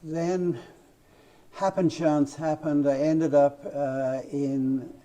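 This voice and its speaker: A man's voice: on the high side, steady tone, drawn-out words, dark tone. An older Welsh-born man with an English accent, a guest author in a casual interview, rambling and self-deprecating. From Wales.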